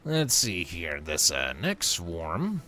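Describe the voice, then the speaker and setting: A man's voice: low-pitched, slow. A man running a tabletop role-playing game as game master, chatty and full of fillers, with music behind. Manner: chatty, animated, filler-heavy.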